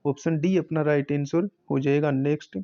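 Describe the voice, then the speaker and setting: Mellow-voiced Hindi exam tutor. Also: male voice, a little high, fairly even intonation, moderate pace, muffled recording. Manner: methodical, repeats each answer. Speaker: teacher. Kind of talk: exam paper solving lesson.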